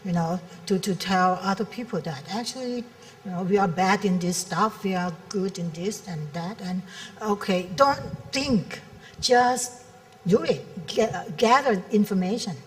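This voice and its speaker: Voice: medium pitch, unhurried. Conference panelist: frank, advisory, stumbles and repeats; sounds distant from the mic in a large hall. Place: convention hall.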